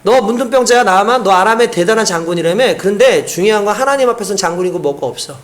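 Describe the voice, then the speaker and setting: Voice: medium pitch, lively intonation, quick pace, pitched below the performer's own voice, close to an everyday voice. A preacher acting out a blunt older prophet giving a short, matter-of-fact order. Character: blunt old prophet, man.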